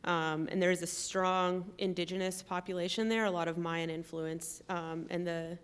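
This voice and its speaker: Woman laying out details steady and careful, lowish smooth voice, lots of ums. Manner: measured, explains step by step with frequent ums. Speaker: trip participant. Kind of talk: conversational explanation.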